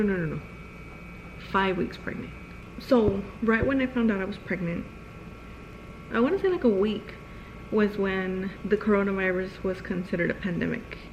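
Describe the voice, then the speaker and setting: A young woman chats through a personal story in a loose vlog style, filling her sentences with "like" and acting out what people said. Her voice sits at an ordinary middle pitch. The recording is a little dull, with a faint noise underneath. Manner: chatty, heavy use of "like", acts out quotes. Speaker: vlogger. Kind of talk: casual storytime chat.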